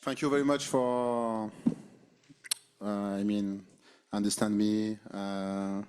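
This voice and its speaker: A man with a French accent, a coach at a postgame press conference. His voice is low and very level, with a narrow spread of pitch. He gropes for English words and circles back with fillers and restarts. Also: flat delivery, slow pace, a little mellow, clear, resonant tone. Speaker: basketball coach.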